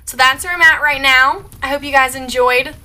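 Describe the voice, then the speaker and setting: Bright, giggly young woman vlogging. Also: high voice, normal speed, soft background music. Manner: gushing, giggly, lots of "like" and restarts. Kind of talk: casual storytime vlog.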